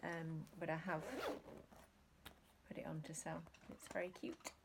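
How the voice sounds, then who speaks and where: Low gravelly woman vlogging. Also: level tone, a little slow, background noise. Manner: rambling, hesitant with many ums. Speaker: reseller vlogger. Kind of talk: casual chat.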